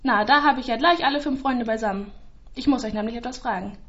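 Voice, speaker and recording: Brief: friendly village policeman, read by a woman, brisk, higher voice, dull lo-fi audio. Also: lightly acted. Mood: questioning.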